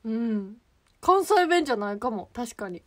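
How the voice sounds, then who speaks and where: Young Kansai woman, high bright voice, livestream host, chatty and rambling. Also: big pitch swings, normal speed. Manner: chatty, rambling, searching for words. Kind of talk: casual livestream chat.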